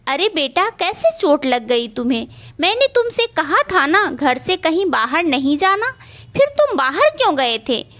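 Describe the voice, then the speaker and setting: A woman's voice: high voice, sing-song, unhurried, a bit bright, exaggerated voice. A woman voicing a worried, kind father who keeps pressing with anxious questions in a spoken Hindi story.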